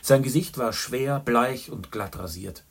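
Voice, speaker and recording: A man reading an audiobook in a calm, even narration. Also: medium pitch, a little slow, breathy edge.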